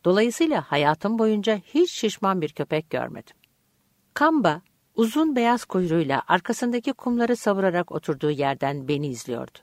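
A woman reading an audiobook chapter aloud in calm, measured scripted narration. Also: mid-range voice, no echo, clean studio sound.

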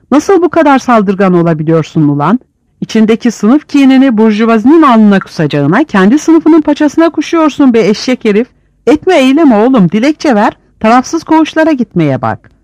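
A man's voice: sits high, big pitch swings, a little fast, few pauses, dry recording, voice pushed up. A man voicing a fiery male prisoner leader, haranguing and scolding in an audiobook. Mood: scolding harangue.

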